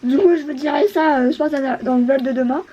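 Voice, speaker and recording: A woman's voice: high-pitched, quick pace, mellow, lo-fi sound, slight background noise. A woman beauty vlogger chatting casually, hesitant and full of fillers. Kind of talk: casual chat.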